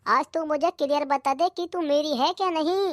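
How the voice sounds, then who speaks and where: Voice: high-pitched, normal speed, slight background noise, lightly acted. Voice actor doing a lovesick village man. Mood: pleading. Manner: pleading, boastful. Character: lovesick village man cheating on his wife.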